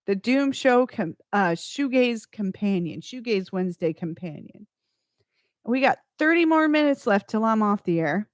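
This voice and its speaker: This woman's voice sits on the high side, recorded dry with a clean studio quality. As host of a radio music program, she talks slowly between tracks, rambling and self-correcting along the way.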